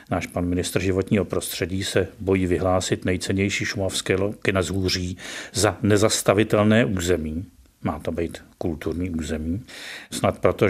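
A man with a very low, deep voice speaks as a professor being interviewed on the radio. He talks in a measured way, pausing often with hesitant fillers as he lays out his view. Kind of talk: radio interview, opinionated explanation.

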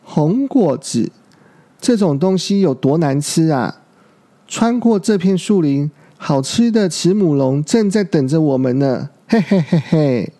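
A man's voice: a little high, lively intonation, measured pace, dark tone. Man playing a sly sneering tyrannosaur. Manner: sneering chuckle, coaxing. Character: sly menacing adult male tyrannosaur.

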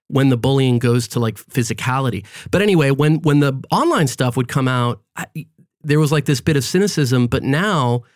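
In his forties and raised in Florida, this man speaks at a medium pitch in studio-quality audio with no room sound. He talks reflectively in a casual podcast conversation, often checking in with "right?" and "you know".

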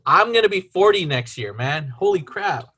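A man in his late thirties hosts a loose, laughing podcast conversation over a video call. His voice sits high and comes across bright and forward, and he rambles easily through fillers. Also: expressive, normal speed, husky. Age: 30s. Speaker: podcast host. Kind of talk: casual chat.

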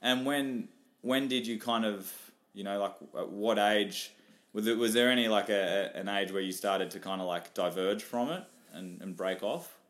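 His voice on the low side and a bit bright, at a normal speed, this man from northern New South Wales, Australia, hosts a podcast interview in a casual way, his Australian-accented questions wandering and full of fillers.

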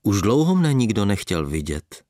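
A man reading the part of a young ghost countess, speaking softly, slowly and calmly. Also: lowish voice, no room sound, clean studio sound. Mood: gentle. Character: young ghost countess, gentle, smiling, playful.

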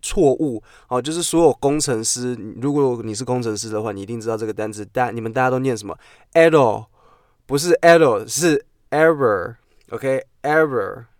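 A man teaching English pronunciation on a podcast, playful and repeating words slowly for drilling. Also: medium pitch, darkish tone, dry recording, clean studio sound. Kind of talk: podcast lesson. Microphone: podcast mic.

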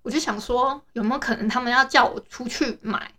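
A young woman from Taiwan talks in a loose, rambling diary chat, full of fillers and restarts. Her voice sits a little high and sounds bright and crisp. She speaks with a Taiwanese Mandarin accent. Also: fairly quick. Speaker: podcast host.

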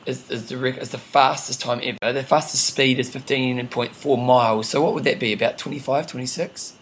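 Casual male podcast host, broad Kiwi accent, informal and slangy, over clear background noise. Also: mid-range voice, fairly even intonation, fairly quick. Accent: broad New Zealand. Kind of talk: casual co-hosted sports chat.

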